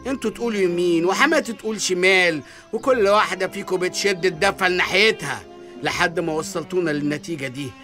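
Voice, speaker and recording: A man with an Egyptian Arabic accent playing a jealous, excitable young husband in a comic radio drama, indignant and quick. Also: high voice, faint music behind. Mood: fed up. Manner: indignant, rapid complaints.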